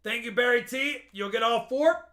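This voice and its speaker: A man hosting a casual live-stream auction, pitching items to buyers and repeating the details as he goes. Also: moderate pace, pushed and bright. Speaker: host selling coins by live auction.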